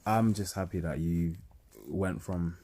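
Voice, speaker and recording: A man's voice: low voice, a little slow, mellow. A man with a London accent hosting a podcast in casual, slangy chat with teasing banter. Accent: London English. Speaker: podcast host.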